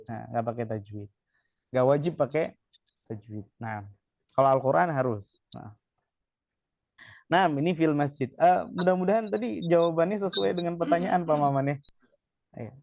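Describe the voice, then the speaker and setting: Relaxed male Arabic teacher explaining. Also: a little high, normal speed, gravelly, pauses often, no room sound. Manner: explanatory, relaxed, frequent fillers and checks. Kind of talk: classroom lesson.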